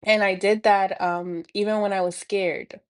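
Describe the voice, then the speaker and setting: Speaking to camera in a reflective monologue, this Dominican woman hosts a spiritual healing talk in an earnest way, full of fillers and restarts. Her pitch is medium and her tone level and clean, and she takes her time. She has a Dominican Spanish accent.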